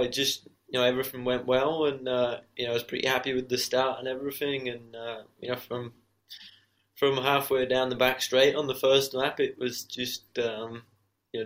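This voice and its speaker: A man's voice: mid-range voice, little pitch movement, normal speed, a bit bright, low-quality recording. A male racer with a mid-range voice answering interview questions. He is casual and understated. His modest replies are padded with frequent conversational fillers. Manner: modest, understated, leans heavily on "you know". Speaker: professional motorcycle racer being interviewed.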